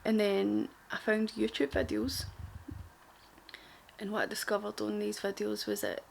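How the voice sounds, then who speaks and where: A young woman with a broad Scottish accent, strongly Glaswegian, chats informally as a beauty vlogger. Her mid-pitched voice has plenty of creak. She rambles in a self-deprecating, storytelling way, with faint noise behind her on a homemade recording. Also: level tone, measured pace, a little mellow. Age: young adult. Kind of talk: casual chatty makeup tutorial to camera.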